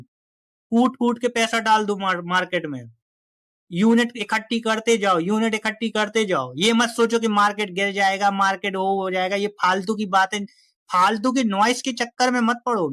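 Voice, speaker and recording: Emphatic high-voiced man talking finance. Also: bright, forceful tone, no echo. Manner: emphatic and exhorting, addresses viewers directly. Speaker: finance YouTuber. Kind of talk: direct-to-camera finance talk.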